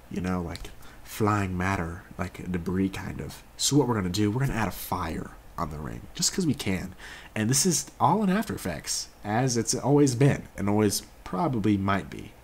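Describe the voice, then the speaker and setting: A young man hosting a casual software tutorial, laid-back and jokey, often correcting himself as he works along. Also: fairly low pitch, animated, moderate pace, slight background noise. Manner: laid-back, jokey, self-correcting, talks while working. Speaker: tutorial host.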